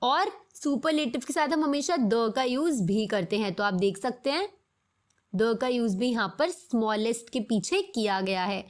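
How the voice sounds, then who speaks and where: Woman, English teacher, slightly high voice, patient step-by-step explanations. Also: animated. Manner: explains in Hindi, reads English examples slowly. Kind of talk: scripted grammar lesson.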